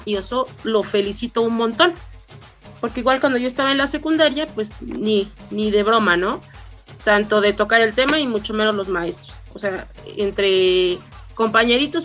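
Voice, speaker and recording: A woman's voice: fairly high pitch, a bit bright. A woman with a Mexican accent hosting a podcast, chatting casually and passing the turn to her guests. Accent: Mexican Spanish. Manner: chatty, hands the turn to others. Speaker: podcast host. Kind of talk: casual panel discussion.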